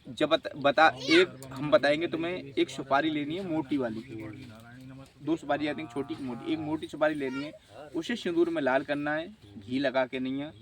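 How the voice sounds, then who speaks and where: A man with a high voice gives firm spiritual advice to a visitor. He talks in an assertive, insistent way, and often stops to check he is understood. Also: a bit bright. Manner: assertive, repeats "guarantee" and checks "ठीक है?". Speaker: faith healer at a shrine. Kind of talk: advising a visitor.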